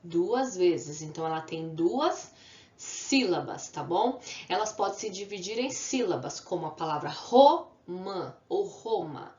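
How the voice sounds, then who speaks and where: A woman's voice: fairly low pitch, expressive, unhurried, warm tone. A woman teacher, giving a video lesson to children, patiently drawing out example words and answering her own questions. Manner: asks the class questions and answers them. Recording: echoey room, slightly dull sound.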